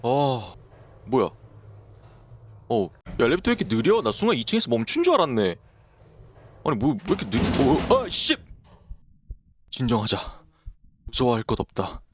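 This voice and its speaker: A man's voice: mid-range voice, fairly bright tone, slight background noise. Jumpy man narrating a horror game. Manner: jumpy, talks to himself and the screen, reads game text aloud. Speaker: gaming streamer. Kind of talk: horror game let's-play commentary.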